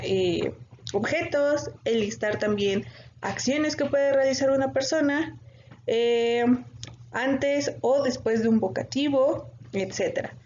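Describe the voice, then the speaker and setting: A woman's voice: fairly high pitch, darkish tone. A woman with a Mexican accent teaching an exam-prep lesson, explaining step by step with frequent fillers and self-corrections. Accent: Mexican Spanish. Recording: dull lo-fi audio with faint noise.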